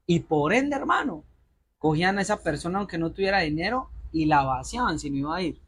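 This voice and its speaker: A man delivers a sermon in a fairly high voice. He addresses his congregation directly and urges them to pay attention. He keeps pausing on rhetorical questions for them to answer. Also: lively intonation, a bit bright, breathy edge. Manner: direct, exhorting address to listeners. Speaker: pastor.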